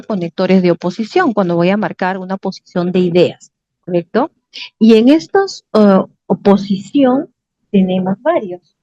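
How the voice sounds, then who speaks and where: A woman's voice: medium pitch, mellow, dry recording, dull audio. A woman with a Peruvian Spanish accent teaching an academic writing lesson, patiently explaining and checking understanding with short tag questions. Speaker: lecturer.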